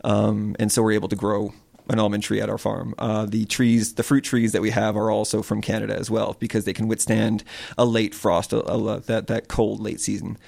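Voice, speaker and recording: A man's voice: fairly low pitch, monotone, normal speed, vocal fry, a little mellow. A man from Connecticut who runs a small farm, earnestly explaining his work in an interview. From Connecticut, USA. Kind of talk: interview answers.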